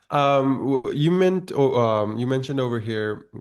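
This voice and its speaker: A man interviewing a guest, putting structured questions in a measured way. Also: medium pitch, animated.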